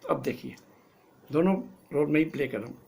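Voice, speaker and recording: Casting: older acting teacher in his sixties, gravelly voice, fairly high pitch, playful. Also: brisk. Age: 60s. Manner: lively, playful explanations. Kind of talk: teaching lesson to camera.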